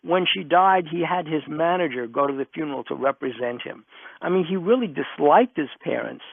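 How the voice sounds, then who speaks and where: This man's voice is on the high side, husky, with vocal fry, and he talks expressively and briskly. As a guest author being interviewed, he tells animated stories and hammers points home by repeating them. The recording is dry, close, narrow, and tinny, like band-limited radio.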